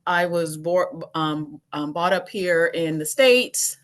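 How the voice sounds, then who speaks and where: A woman from the Bahamas, a podcast guest explaining things in a relaxed, matter-of-fact way. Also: lowish voice, slow pace. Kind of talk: casual interview.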